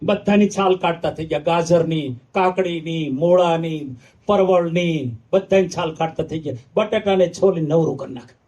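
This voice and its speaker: A man's voice: fairly high pitch, moderate pace, a little mellow. A man, a monk giving a devotional sermon, who sings verses and asks the audience emphatic questions. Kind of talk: devotional discourse with sung verses.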